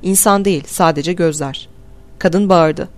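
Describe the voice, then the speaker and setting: A woman's voice: lowish voice, a little slow. Woman narrating an audiobook. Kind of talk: scripted narration.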